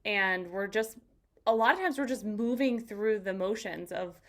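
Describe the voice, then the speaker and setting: A woman hosting a podcast interview in casual chat, enthusiastic and animated, often jumping into excited quoted voices. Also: medium pitch, measured pace. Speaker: podcast host.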